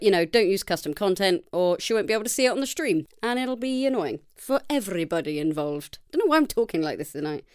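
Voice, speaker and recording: Sounding slightly tired late at night, a female podcast host chats on her own, poking fun at herself while reading out listener challenges. The recording is clean studio sound with no room audible, and her voice is mid-range.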